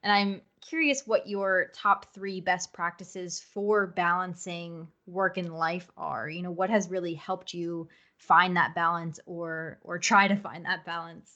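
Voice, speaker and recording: A woman's voice: fairly low pitch, fairly even intonation, unhurried, bright, forceful tone, lo-fi sound. A woman hosting a podcast interview, asking questions in a supportive, encouraging way. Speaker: podcast host.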